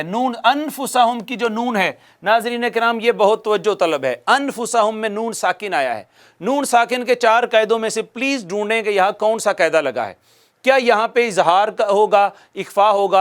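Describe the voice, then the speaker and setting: Male tajweed teacher, high resonant voice, patient explainer who drills slow recitations. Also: a bit bright. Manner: explains rules patiently, then recites slowly and drawn out for viewers to repeat; asks the audience questions and answers them himself. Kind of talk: televised tajweed lesson.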